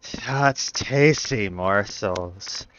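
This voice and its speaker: A man voicing a menacing, disembodied grove ruler in an unearthly, drawn-out voice for a tabletop game. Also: lowish voice, fairly bright tone, faint music behind, voice pushed down. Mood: gloating. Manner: menacing, gloating. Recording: dull lo-fi audio, roomy echo.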